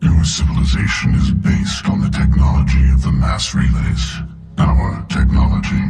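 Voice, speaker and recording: This villain performance has a man voicing an ancient, arrogant machine intelligence, a godlike sentient destroyer of organic life. His pitch is extremely low and creaky, his delivery completely flat at a moderate pace, as he makes cold, contemptuous, grandiose declarations with cold menace. Loud music plays behind on an echoing recording.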